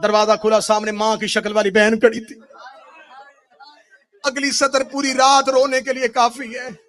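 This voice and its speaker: Very high-voiced wailing male orator. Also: monotone, measured pace, some chatter behind. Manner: wailing, swings between hushed and shouted lines. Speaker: religious orator. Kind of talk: mourning elegy recitation.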